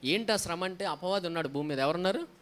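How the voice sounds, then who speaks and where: Speaking fast in a high-pitched, somewhat bright voice, this male pastor delivers a sermon. He keeps asking the congregation questions only to answer them himself, with hallelujahs sprinkled between his points.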